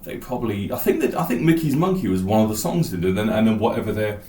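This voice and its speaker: A man's voice: on the low side, sing-song, fast, dark tone, roomy sound. A man hosting a podcast, rambling enthusiastically about an album and thinking aloud. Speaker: podcast host. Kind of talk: casual album talk.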